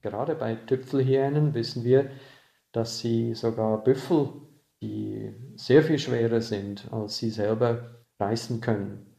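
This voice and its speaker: Man, interviewed researcher, explanatory talk, creaky voice, roomy echoing sound. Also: medium pitch, warm tone. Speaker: animal researcher being interviewed.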